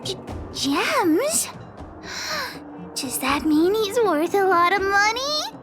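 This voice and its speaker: In this video game performance, a woman plays a bold, bossy little girl heading a gang, full of pride and self-importance and speaking of herself in the third person. She speaks very slowly in a very high voice with big pitch swings, heavily acted, as game music plays underneath.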